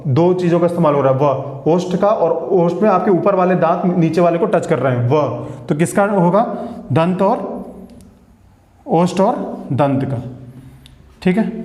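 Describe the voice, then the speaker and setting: A man teaching a grammar lesson, sounding out each letter slowly and asking students to repeat after him. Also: a little high, a little mellow, echoey room.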